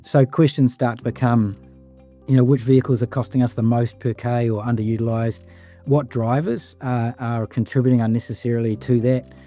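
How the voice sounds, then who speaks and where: A man's voice: mid-range voice, steady tone, normal speed, warm tone, soft background music. A man speaking as a panelist in a casual, list-heavy way, with many fillers. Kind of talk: panel discussion.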